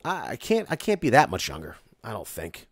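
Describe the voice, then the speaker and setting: A man's voice: fairly low pitch, a little fast, no echo, clean studio sound. A man, chatting casually and rambling as he reads viewer comments on a live stream. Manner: excitable, rambling, many restarts and "like". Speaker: host reading live chat. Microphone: close mic, home live stream.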